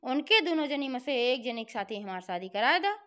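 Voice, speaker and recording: A woman's voice: sits high, big pitch swings, a little fast, fairly bright tone. A woman voicing a stubborn, threatening male frog suitor in a devotional folk tale, speaking bluntly with a Bhojpuri-inflected accent. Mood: demanding. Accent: Bhojpuri-inflected Hindi.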